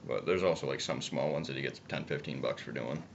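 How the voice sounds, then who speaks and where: A man's voice: very deep voice, fast, creaky. A young man chats casually and bluntly, swearing, with chewing tobacco in his lip. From upstate New York, United States. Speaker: video co-host. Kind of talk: casual political chat. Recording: muffled, noisy amateur video audio.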